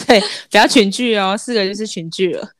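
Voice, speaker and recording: A woman's voice: mid-range voice, normal speed, no echo. A young woman with a Taiwanese accent chats casually as a podcast co-host, telling anecdotes and acting out the dialogue. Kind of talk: casual chat, storytelling.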